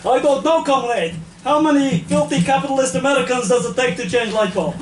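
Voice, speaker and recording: A man's voice: very high voice, brisk. A man putting on a boastful Soviet comedian with a fake Russian accent, performing live. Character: pompous Soviet male comic, boastful. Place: small comedy club stage. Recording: roomy club, far from mic, crowd noise.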